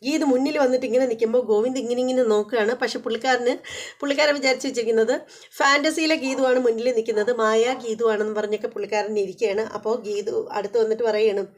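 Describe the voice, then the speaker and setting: A woman vlogger retelling a TV serial episode in a chatty, rapid way. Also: a little high, steady tone.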